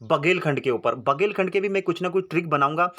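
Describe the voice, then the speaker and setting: A man's voice: a little high, lively intonation, a little fast, a bit bright, highs cut off. A young man, teaching exam memory tricks in a chatty, coaxing way, repeating points and asking rhetorical questions. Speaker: exam-prep tutor and channel host. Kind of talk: informal teaching to camera.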